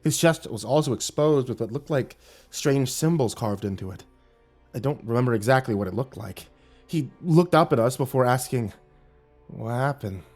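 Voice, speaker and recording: A man narrating a scripted creepy campfire horror story in a hushed, suspenseful manner. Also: mid-range voice, lively intonation, normal speed. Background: music behind the voice.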